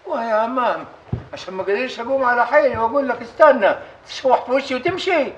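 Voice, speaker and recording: A stubborn bedridden old chief. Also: male voice, extremely high pitch, fast talker, highs cut off, slight background noise. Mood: scolding. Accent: Upper Egyptian. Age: older. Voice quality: commanding, scolding. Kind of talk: period TV drama acting.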